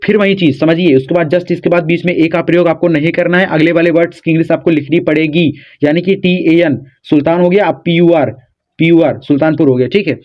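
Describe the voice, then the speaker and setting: A man teaching viewers how to spell words, who spells letters out slowly and keeps checking in with "okay". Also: fairly high pitch. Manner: repeats "theek hai" often, spells letters out slowly. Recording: dull lo-fi sound.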